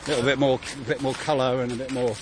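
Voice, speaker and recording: A man chatting on a city walk, halting and restarting his sentences. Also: mid-range voice, flat delivery. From England. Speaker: walk participant. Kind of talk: casual conversation while walking. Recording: outdoor street noise.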